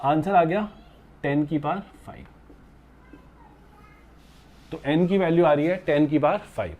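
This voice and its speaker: A physics teacher gives a step-by-step classroom lecture at a board, often questioning his students and fondly calling them "beta" and "bachche" while mixing English terms into his speech. His voice is fairly high and a little slow, and the audio sounds narrow and tinny.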